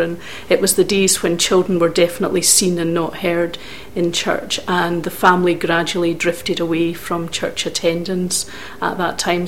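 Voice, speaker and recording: Low-voiced middle-aged Scottish woman. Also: a little hiss or hum. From Scotland. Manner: measured, thoughtful recollection with occasional hesitations. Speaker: interviewee. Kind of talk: life-story interview.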